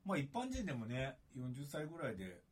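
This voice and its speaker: A man's voice: mid-range voice, huge pitch swings, brisk, a little hiss or hum. A man co-hosting a podcast, chatting casually and teasing his partner. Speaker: podcast co-host. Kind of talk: casual chat.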